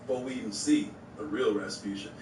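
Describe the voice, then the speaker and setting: A man's voice: medium pitch, fairly even intonation, brisk, noisy background. A man from Louisiana hosting a casual movie commentary, rambling and laughing with lots of slang. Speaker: host. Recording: echoey room, far from the mic. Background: TV audio.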